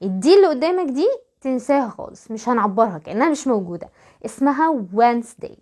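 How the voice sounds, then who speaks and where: Egyptian lady doing a pronunciation lesson, high voice, bouncy tone, says the example words slow. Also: sing-song, darkish tone. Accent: Egyptian Arabic. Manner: switches between quick explanations and slow, drawn-out model words. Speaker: English pronunciation teacher.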